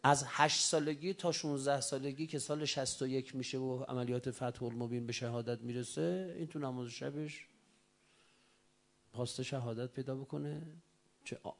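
A man preaching a religious sermon to young listeners, swinging between loud urging and soft whispered asides. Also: medium pitch, steady tone, gravelly.

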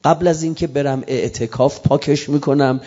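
A man preaching a sermon to a gathering, telling stories with passion and rising to loud cries at their peaks. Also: on the high side, steady tone. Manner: impassioned storytelling, rising to cries. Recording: muffled echoey hall.

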